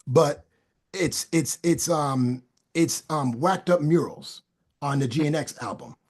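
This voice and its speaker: This podcast guest, a Boston man with a high voice, moves from casual talk into fervent preaching at a slow pace. He restarts with stammers and repeats phrases to drive his points home.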